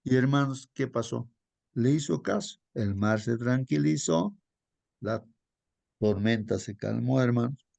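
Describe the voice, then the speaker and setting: A man teaching a weekly Bible study lesson in a preaching style, calling listeners brothers and asking rhetorical questions, rising for emphasis and dropping softly on asides. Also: a little slow, creaky, dry recording. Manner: pitch jumps up for emphasis, drops soft on asides.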